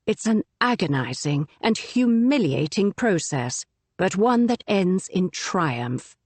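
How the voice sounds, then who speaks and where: A woman reading a nonfiction audiobook aloud in a measured, articulate scripted narration. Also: mid-range voice, very animated, darkish tone, no room sound.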